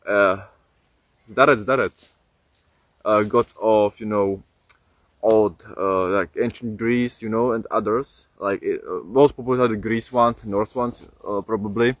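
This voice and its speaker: A young livestream host speaks English as a second language with a Czech accent, chatting casually but haltingly, with many fillers and restarts. His voice is on the low side with fairly even intonation, and there's no room sound.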